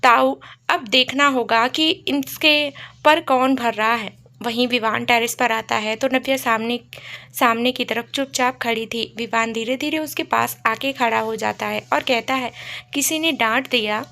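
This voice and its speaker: A woman's voice: fairly high pitch, fairly even intonation, measured pace, vocal fry, sharp tone. A woman narrating a romantic story in a conversational storytelling manner.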